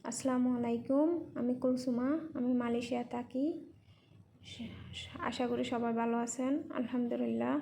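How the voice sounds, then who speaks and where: A woman's voice: on the high side, monotone, normal speed, gravelly, long pauses, warm tone, a little hiss or hum. A woman narrating a casual vlog as a non-native Bengali speaker with a Chittagong-influenced accent, repeating and rephrasing things in simple words. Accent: non-native Bengali with Chittagong regional influence. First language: not Bengali. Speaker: vlogger and mother living in Malaysia.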